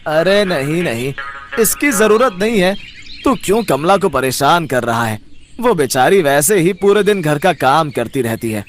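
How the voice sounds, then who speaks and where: A man voicing a sly, scheming older brother in a cartoon story, loud and cajoling. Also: fairly high pitch, animated, a little slow, soft background music. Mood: coaxing. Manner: loud, cajoling, chuckling slyly. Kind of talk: cartoon voice acting.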